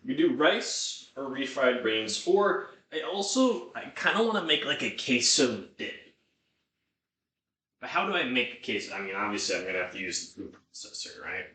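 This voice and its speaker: A man's voice: medium pitch, expressive, normal speed, bright, forceful tone, slight background noise. A man chatting casually and thinking aloud as he streams, with some swearing. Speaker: streamer cooking on a livestream. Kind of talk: casual rambling chat to self and viewers. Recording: echoey room sound.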